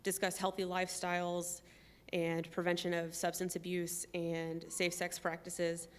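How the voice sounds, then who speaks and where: A woman in a conversational interview, explaining step by step in a measured way and pausing often with "um". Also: on the low side, monotone, smooth. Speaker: trip participant.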